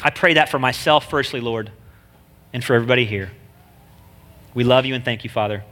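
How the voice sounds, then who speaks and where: The guest preacher has a nasal voice of medium pitch, a fairly bright tone and a fairly quick pace. He jokes around and leans heavily on slang, keeping the sermon casual and chatty.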